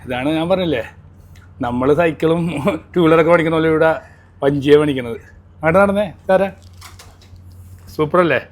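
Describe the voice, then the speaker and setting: A man's voice: fairly high pitch, moderate pace, long pauses. A man with a Kerala accent giving a casual vlog tour, mixing English words into Malayalam and often prompting his companion with short questions. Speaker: travel vlogger.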